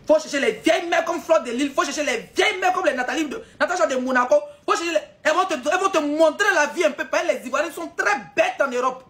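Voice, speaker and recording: Lady ranting on a live, high voice, laughing while she mocks people. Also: fast talker, hardly any pauses, a bit bright. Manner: scolding, mocking, laughs often. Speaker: TikTok live streamer. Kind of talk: mocking live-stream rant.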